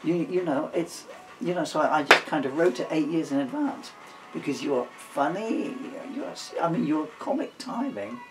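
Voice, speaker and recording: Speaking at a normal speed with lively intonation and a pitch on the high side, this middle-aged British father, author and stage performer reads his comic writing and chats in a rambling, playful way. A camera mic catches him in low quality, with music behind him.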